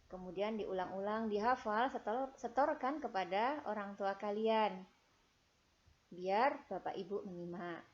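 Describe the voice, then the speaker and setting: Slow, over-enunciating Indonesian woman teacher. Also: mid-range voice, dull audio. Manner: over-enunciating, deliberately drawn-out syllables. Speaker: Quran reading teacher for children. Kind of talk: instructional lesson with slow melodic recitation.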